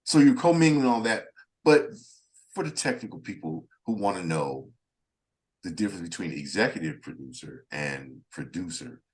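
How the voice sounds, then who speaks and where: Low-voiced male interviewer, animated, acts out quotes as he talks. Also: moderate pace. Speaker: interviewer, music reviewer. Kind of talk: casual interview talk.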